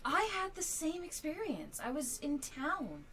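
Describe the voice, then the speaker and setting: A woman's voice: high voice, huge pitch swings, a little slow, pushed and bright, slight background noise, voice pushed up, full character voice. A woman voicing a nervous young American woman adventurer in a tabletop role-play, with an American accent and a rambling manner.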